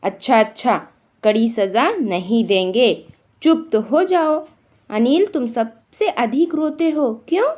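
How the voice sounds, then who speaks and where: A woman's voice: on the high side, expressive, slow pace, a little mellow, voice pushed up. A woman voicing a strict female night-queen judge who scolds children, read from a storybook. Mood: soothing. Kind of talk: storybook reading for a class.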